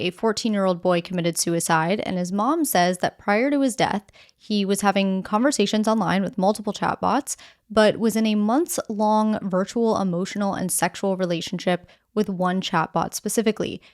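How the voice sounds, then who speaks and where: A woman hosts a news podcast with a plainspoken, conversational delivery. She sets out each story directly and walks through it step by step. Her voice sits in an ordinary middle pitch. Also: moderate pace.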